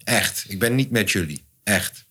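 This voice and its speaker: A man with a Dutch accent, hosting a casual podcast chat, joking and cursing, mimicking others with sudden pitch jumps. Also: lively intonation, a little slow, pushed and bright. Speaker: podcast host. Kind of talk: casual banter.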